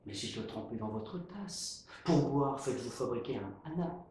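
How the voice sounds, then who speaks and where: A man's voice: mid-range voice, measured pace, natural voice. A man acting a proud, witty swordsman in a theatrical verse monologue, declaiming like a hammy stage actor with grandly shifting tones. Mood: tender, solicitous. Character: proud, witty swordsman Cyrano mocking insults about his big nose. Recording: very echoey, roomy sound.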